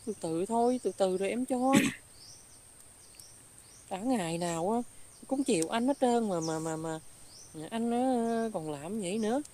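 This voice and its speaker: A woman voicing a young female lodger who talks softly and coaxingly. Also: medium pitch, lively intonation, measured pace, long pauses, a little hiss or hum, natural voice.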